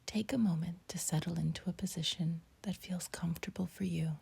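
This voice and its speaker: This woman's meditation voice is very husky and breathy, close to a whisper, with a mellow, lowish, creaky tone and fairly even intonation. She delivers short, gentle phrases with long pauses in between.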